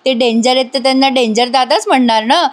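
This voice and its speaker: A woman's voice: high-pitched, fairly even intonation, fast talker, lightly acted. A woman doing a cheeky young sister. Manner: cheeky, playful.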